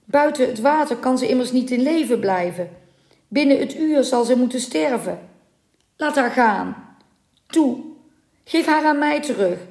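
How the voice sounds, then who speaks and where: A woman's voice: lively intonation, slow pace, a little mellow. A woman voicing a grieving old merman. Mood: pleading. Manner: pleading, then booming curses. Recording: roomy echoing room.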